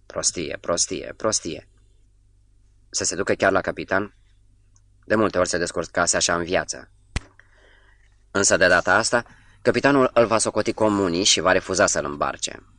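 A man reading a novel aloud as an audiobook narrator, in a measured, steady delivery. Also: deep voice, no echo, clean studio sound.

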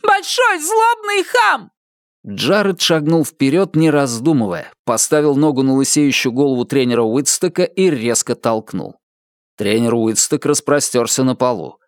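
A man reading an audiobook with expressive, varied storytelling. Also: mid-range voice, normal speed, no echo, clean studio sound. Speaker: audiobook narrator. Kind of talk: scripted audiobook narration.

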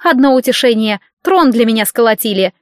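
A scandalous, demanding older woman from an audiobook, played by a woman narrator, with a shrill, grating voice that stays high and strained. She bickers and complains at every turn, and the sound is close and dry. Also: animated, a little fast, dry recording, natural voice. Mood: indignant.

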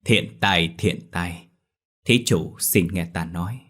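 Man playing a gentle old monk, low, husky, slow sermon tone. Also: exaggerated voice. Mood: preaching. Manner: soft, slow, preaching. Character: kindly old Buddhist monk, calm and gentle.

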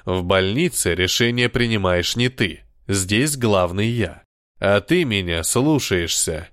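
A man reading as a stern, cold commanding man in an audiobook, talking slow and low with measured authority, every word deliberate. The voice is dry and close, with no room around it. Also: animated, a bit bright, no echo. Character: cold, commanding older male leader persona.

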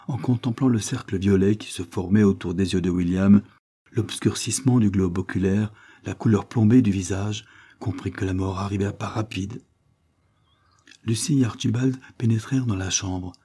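Low, husky male audiobook narrator. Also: dark tone. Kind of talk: scripted narration of a classic novel.

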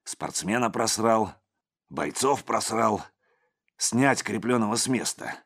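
A sullen ex-convict enforcer, voiced by a man reading a storybook, who grumbles his answers and mutters threats. The voice sits low and rough-edged. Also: lively intonation, takes it slowly, fairly bright tone, heavily acted. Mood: vengeful.

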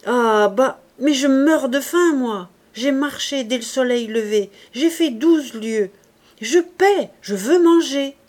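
Give me a proud, starving traveler man pressing his demand, as a woman reads him aloud, slow. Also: mid-range voice, darkish tone. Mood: insistent. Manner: insistent, raises voice. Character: weary hungry male traveler, proud.

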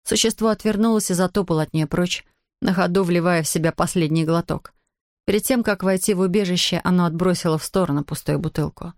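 A woman narrating an audiobook in an even, measured storytelling manner. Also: fairly low pitch, dry recording, studio quality.

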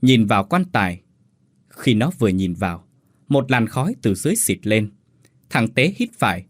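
Expressive male horror storyteller. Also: fairly low pitch, normal speed, no echo, studio quality. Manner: suspenseful, expressive. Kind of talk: scripted horror narration.

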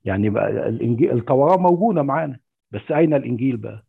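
A man with an Egyptian Arabic accent calls in over a tinny, phone-like line to ask questions, hesitant and full of fillers. His mid-range voice is expressive and creaky with a breathy edge, and he races along.

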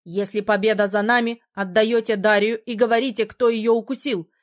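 A woman voicing a calm, firm young male mage in an audiobook. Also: on the high side, normal speed, close to an everyday voice. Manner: firm, steady.

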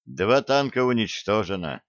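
A man voicing a stern, grief-stricken male battalion commissar with clipped, hoarse military speech in an audiobook character reading. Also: fairly low pitch, expressive, unhurried, a bit bright, no room sound, highs cut off. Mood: lifeless.

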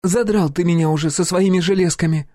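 A man's voice: high-pitched, steady tone, brisk, warm tone, no echo, clean studio sound, voice pushed up, lightly acted. A male narrator voicing a bratty, foul-mouthed young woman with snappy, sulky retorts. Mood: irritated.

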